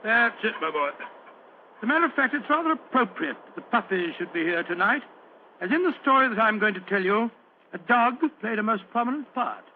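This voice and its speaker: Through a narrow, hissy vintage radio recording comes an older English gentleman doctor with a notably high voice. He is genial and fussy, an avuncular storyteller given to chuckles and hesitant asides, in the manner of classic radio drama. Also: animated, a little fast. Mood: bustling, fond. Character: genial fussy old English doctor recounting past adventures. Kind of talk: old-time radio drama acting. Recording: narrow-band old radio recording with hiss.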